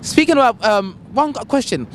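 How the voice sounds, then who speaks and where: A man's voice: very high-pitched, lively intonation, fairly quick, a little hiss or hum. A man hosting a casual street interview, teasing and jokey, often tripping over his words. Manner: jokey, stammering restarts, teasing. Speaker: interviewer, host.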